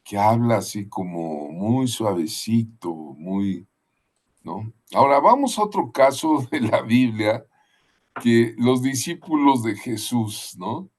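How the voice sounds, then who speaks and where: A man giving a Bible class, unhurried and often adding tag questions. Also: medium pitch, animated, a little mellow. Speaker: Bible teacher.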